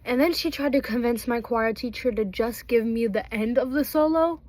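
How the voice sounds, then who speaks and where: A woman's voice: on the high side, moderate pace, darkish tone, no echo, rough recording. A teenage girl chatting casually through a storytime while doing her makeup, rambling with lots of fillers and restarts. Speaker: vlogger.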